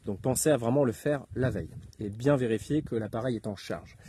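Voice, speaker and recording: A man giving an informal spoken tutorial as an instructor, talking haltingly with many hesitations and filler words. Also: medium pitch, mellow, a little hiss or hum. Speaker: instructor giving outdoor radio advice.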